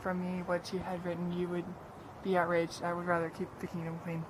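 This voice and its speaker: A woman playing a grieving friend of a slain queen, a sly orator who speaks haltingly, in an amateur play. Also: fairly low pitch, completely flat delivery, a little hiss or hum, natural voice, poor audio. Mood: coy. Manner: halting, hesitant speech-making.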